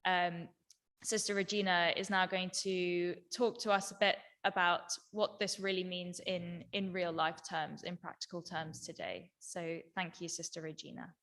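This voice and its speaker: A woman moderates a webinar over a video call, speaking gently and often pausing with "um". Her voice sits a little low. The sound is echoey, with a long reverb tail. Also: little pitch movement. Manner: warm thanks, gentle, with many ums. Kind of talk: hosting a webinar.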